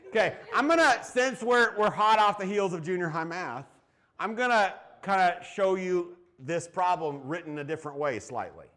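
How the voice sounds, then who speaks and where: A man's voice: high voice, moderate pace, a bit bright. Chatty encouraging male teacher in his forties. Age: 40s. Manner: chatty, encouraging, joking asides. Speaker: math teacher. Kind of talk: classroom teaching. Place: classroom with students.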